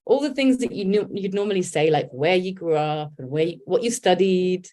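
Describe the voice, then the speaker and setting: Speaking fairly quickly in a low voice, a guest poet and writer from England in her forties reflects candidly on her creative work during a relaxed interview. Fillers and restarts come often as she sorts out her thoughts.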